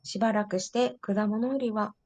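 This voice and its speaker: A woman's voice: mid-range voice, steady tone, moderate pace, a little mellow. A woman carefully and politely reading a devotional story aloud to listeners. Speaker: reader.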